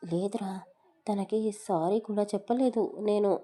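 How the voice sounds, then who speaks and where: A woman's voice: mid-range voice, a little slow, warm tone. Woman narrating a romantic audio story. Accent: Telugu. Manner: narrates and voices all characters' dialogue herself.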